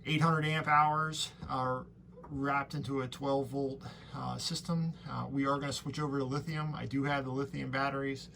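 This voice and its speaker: Man, vlog host, gravelly fry in the voice, easygoing hesitant explainer, casual walkthrough, noticeable background noise. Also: medium pitch, fairly bright tone. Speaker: boat owner and vlog host. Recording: noisy camera audio, clear background noise.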